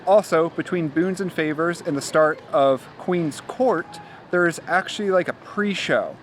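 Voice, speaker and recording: A man with a fairly high voice hosts a guide video in casual, explanatory talk. He is recorded outdoors with clear background noise around him. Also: a little slow. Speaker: host of a festival guide video. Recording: noisy outdoor urban ambience.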